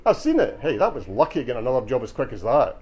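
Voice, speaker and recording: A man's voice: mid-range voice, big pitch swings, fast talker, darkish tone, natural voice, low-quality recording. A man voicing a friendly, teasing barman during a bookshop reading. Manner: chatty, teasing. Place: bookshop event.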